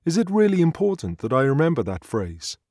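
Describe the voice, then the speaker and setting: A man, delivering a scripted poetry tutorial in a measured, earnest way. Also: fairly high pitch, huge pitch swings, a little mellow, dry recording, studio quality. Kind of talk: scripted educational narration.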